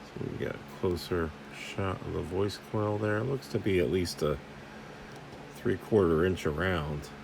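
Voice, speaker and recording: Deep and gravelly, this man keeps a measured pace while the background stays noisy. He hosts a radio repair video, giving loose, rambling commentary on the equipment he inspects, salty and informal.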